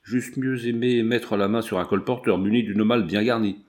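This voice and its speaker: A man's voice: lowish voice, steady tone, moderate pace, a little mellow, lightly acted. A man reading the part of a menacing, greedy brigand chief who sneers at his captive, with Italian oaths. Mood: scornful. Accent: Italian words sprinkled in French. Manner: sneering, scornful.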